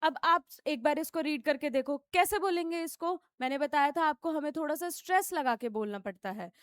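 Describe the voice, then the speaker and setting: A woman's voice: high-pitched, brisk, no echo, studio quality. A woman with an Indian accent teaching French letters to beginners, repeating each one with stress and mixing in English. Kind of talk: beginner language lesson.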